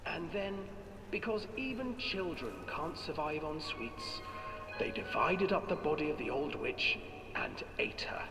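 A theatrical storybook narrator tells a grim fairy tale with a lively, swooping delivery in a slightly raised voice. His voice echoes around a large hall and sits far from the mic, with music behind. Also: on the high side, a little slow, heavily acted. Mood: eerie. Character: eerie male ride narrator, adult.

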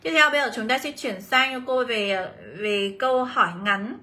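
Bright-voiced chatty woman teacher. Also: fairly high pitch, moderate pace. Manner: chatty, reads out student comments, calls class "mọi người". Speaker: English teacher. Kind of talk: livestream exam review lesson.

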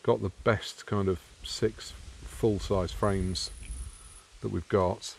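Middle-aged man, deep voice, gravelly, relaxed outdoor vlog chat, lapel mic. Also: slight background noise. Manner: relaxed, explanatory, with pauses and fillers. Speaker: vlogger renovating a farmhouse. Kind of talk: casual chat. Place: sunny garden outdoors. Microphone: clip-on lapel mic.

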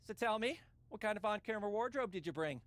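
A woman's voice: medium pitch, animated, quick pace, dry recording, lightly acted. Woman voicing a bubbly showbiz agent. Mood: upbeat. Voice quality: bubbly, salesy. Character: fast-talking showbiz agent Alfie, upbeat. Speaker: game character.

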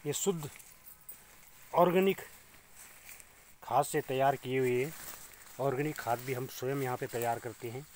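A middle-aged man walks through a small polyhouse greenhouse, filming himself on a phone held at arm's length. His voice sits at an ordinary pitch, and he explains each crop plainly to the viewers. Faint outdoor sounds and animals can be heard behind him. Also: slight background noise. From Uttarakhand, India. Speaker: organic farmer. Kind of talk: casual farm tour vlog. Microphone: phone camera held at arm's length.

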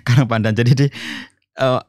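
A middle-aged man from the Solo region of Central Java, a family counselor speaking as a podcast guest in a calm, explanatory way, rising in pitch when stressing a point. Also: a little fast, dry recording, clean studio sound. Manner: calm explanatory, addresses host as Ustaz, rises in pitch for emphasis. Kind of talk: conversational religious talk.

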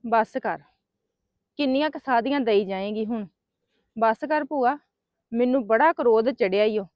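Woman doing a ranty angry niece in a family skit, high voice, kinda muffled dry sound. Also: measured pace, no echo, natural voice. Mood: angry scolding. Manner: sharp, scolding, ranting. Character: hot-tempered scolding young woman. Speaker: angry niece heading to confront her sister-in-law. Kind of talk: amateur family drama skit.

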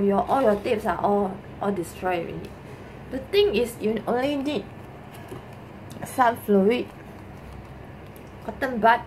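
A middle-aged Singaporean woman vlogs a cleaning demo from a small bedroom with a desk, improvising a casual how-to in a halting way, repeating herself and dropping particles like "lah" and "ah." Her voice sits in the mid range with a darkish tone. The camera mic rests on the desk at arm's length, so this home recording is noisy and full of room ambience.

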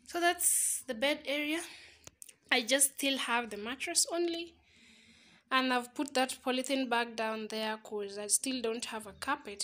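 A woman's voice: on the high side, sharp tone. A young Kenyan woman with a Kenyan accent, chatting casually as she walks her phone camera through her small single room, slipping Swahili words into her English. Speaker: vlogger. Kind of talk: casual house tour narration. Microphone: phone camera held while walking.

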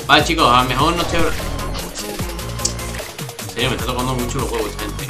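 A man's voice: medium pitch, expressive, fast, over music. A young man from Spain with a Spain Spanish accent, commenting on his own shooter gameplay in a chatty, exasperated way, swearing often and keeping his voice down. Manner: keeps voice down, not shouting. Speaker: gaming YouTuber. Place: home room, early morning.

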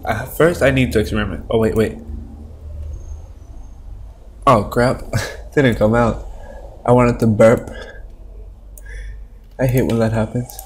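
Rambling and swearing as he plays, this man thinks aloud through a Minecraft let's-play from his home computer. The low-quality webcam microphone captures his darkish tone along with a little background noise.

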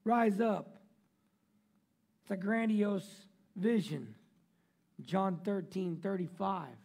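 High-voiced gravelly preacher. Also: male voice, takes it slowly. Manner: swings between loud emphatic preaching and quiet, low asides; reads scripture aloud and breaks off into joking remarks. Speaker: pastor. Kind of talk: sermon. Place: church sanctuary.

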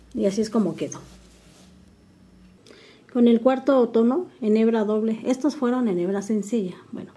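An older woman talks through a craft tutorial. Her voice is soft and warm, never sharp. She narrates each stitch calmly and patiently, with a faint hum of the room behind her. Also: mid-range voice, vocal fry. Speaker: embroidery teacher.

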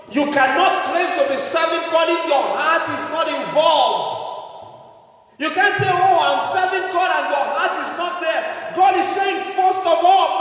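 High-voiced man preaching in an echoey hall. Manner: preaching with shouted emphasis and call-and-response; frequent "you know" fillers. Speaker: pastor. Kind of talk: sermon. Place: church hall. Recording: echoey hall, mic far off.

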